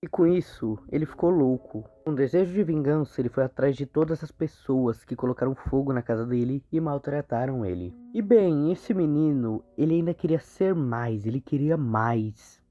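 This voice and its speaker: This Brazilian Portuguese-accented man narrates a horror series recap for video in a warm, medium-pitched voice with lively intonation. He keeps a moderate pace with barely any pauses, using casual, slangy storytelling. Music plays behind muffled, phone-like audio.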